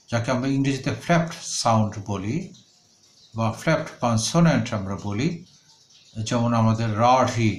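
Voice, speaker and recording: A man, a professor, giving a measured lecture and carefully enunciating example sounds one at a time. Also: mid-range voice. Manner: slow, deliberate, enunciating each example sound. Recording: echoey room with faint ambient noise.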